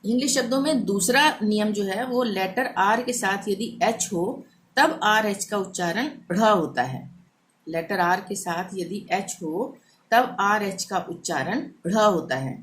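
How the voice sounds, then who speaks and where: A woman teaching a language lesson, explaining pronunciation rules patiently and repeating each example slowly. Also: medium pitch, slight background noise.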